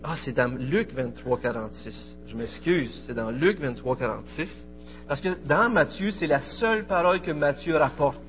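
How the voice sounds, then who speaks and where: A man preaching a sermon in an emphatic, rising and falling cadence. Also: mid-range voice. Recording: dull lo-fi recording with faint music.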